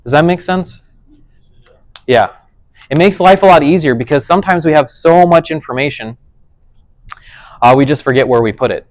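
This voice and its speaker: Pausing often at a normal speed, a man with a fairly high voice leads a casual tech class. He talks conversationally and regularly checks understanding by asking "does that make sense", heard in a rough recording with no room sound.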